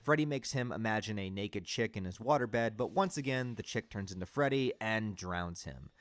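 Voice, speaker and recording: Sarcastic low-voiced man reviewing films. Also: lively intonation, normal speed, no echo. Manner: sarcastic, exasperated commentary. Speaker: film reviewer. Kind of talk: casual film critique.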